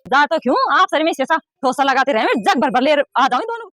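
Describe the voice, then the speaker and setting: A woman's voice: high-pitched, big pitch swings, moderate pace, no room sound. A woman with a Rajasthani accent playing a complaining mother-in-law in a village comedy sketch. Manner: scolding, complaining loudly.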